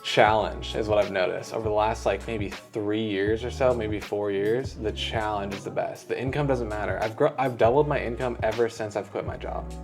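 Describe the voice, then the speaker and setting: A man's voice: fairly low pitch, fairly even intonation, moderate pace, hardly any pauses, music in the background. A young man in a casual chat, rambling in an upbeat way and leaning heavily on fillers.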